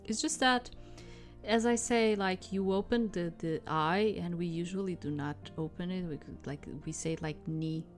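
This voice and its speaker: Woman doing a game read-through, bit low voice, expressive w/ casual comments, faint music. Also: moderate pace. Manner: reads story expressively, breaking off to comment. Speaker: streamer reading a visual novel aloud. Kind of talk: narrated game playthrough with casual asides.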